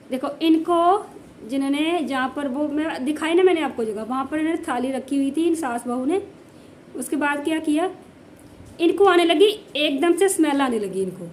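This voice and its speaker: A woman's voice: high-pitched, a little mellow, a little hiss or hum. A woman from the Jammu region, a village housewife vlogger, telling a story in a casual way and repeating phrases for emphasis.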